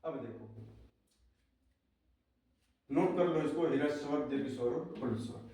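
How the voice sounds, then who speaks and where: A man's voice: a little high, normal speed, mellow. A man teaching a Hindi exam-prep class. He repeats each phrase and tells the students to write it down, speaking in an echoey classroom with a board. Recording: echoey room, voice from a distance.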